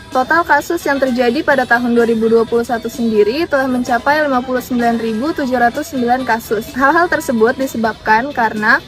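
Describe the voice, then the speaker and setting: A woman with a high voice reads scripted narration. Faint music sits behind her. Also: fairly quick, hardly any pauses. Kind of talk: read narration.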